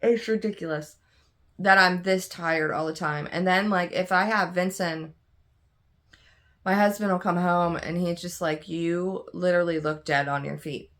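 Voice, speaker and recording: A young adult woman who vlogs about cross stitch chats casually and candidly to camera, tired and yawning as she rambles with many fillers and restarts. Her voice is lowish and fairly bright, with fairly even intonation and an unhurried pace.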